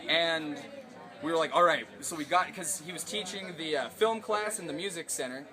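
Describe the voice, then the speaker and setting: A man telling an animated story about playing music with his former teacher. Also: on the high side, normal speed, crowd noise. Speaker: former student. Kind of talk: casual storytelling tribute.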